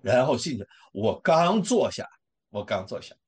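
Husky man, lively pitch, emotional personal testimony, workplace minister. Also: moderate pace. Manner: emotional, animated storytelling with many fillers.

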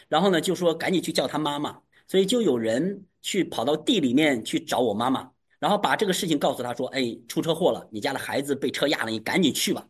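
A man preaching to his congregation, telling a personal testimony with animated, emphatic storytelling. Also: fairly high pitch, slightly rough. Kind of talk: testimony sermon.

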